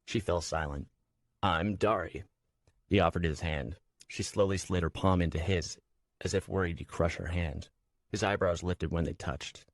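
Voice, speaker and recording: Brief: deep male voice reading a fantasy novel in first person, steady and measured, dry close-mic sound. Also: dry recording. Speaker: audiobook narrator. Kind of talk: scripted first-person narration.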